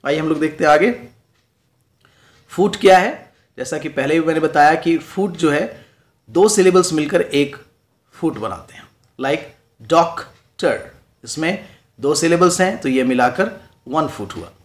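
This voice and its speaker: A man's voice: on the high side, expressive, moderate pace, long pauses. Hindi-speaking male teacher explaining poetry. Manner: mixes English terms into explanations, checks in with "right?". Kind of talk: classroom lecture.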